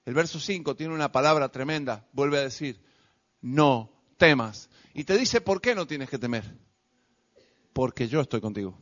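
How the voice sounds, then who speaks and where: A man preaching a sermon to a congregation, emphatic and repetitive, swinging between loud declarations and quiet, soft lines. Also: medium pitch, animated, moderate pace. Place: church service with a congregation. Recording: dull lo-fi recording.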